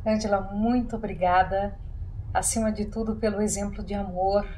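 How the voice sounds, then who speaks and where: A woman's voice: medium pitch, fairly even intonation, normal speed, mellow, slight background noise, poor audio. Woman, TV host, earnest and effusive, studio interview. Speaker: TV show host. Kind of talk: closing a televised interview.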